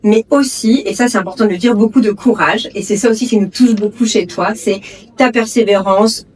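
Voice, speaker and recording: A woman making a thankful public speech at a book event, warm and a little hesitant. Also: mid-range voice, brisk. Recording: distant event recording.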